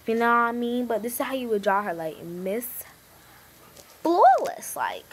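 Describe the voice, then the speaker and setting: A female vlogger talking in a chatty, slangy, animated way in a casual comedy video. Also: on the high side, fast, slight background noise.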